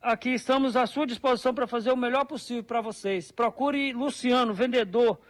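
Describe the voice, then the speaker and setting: A man, a store salesman listing offers to customers in a repetitive live radio pitch. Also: brisk.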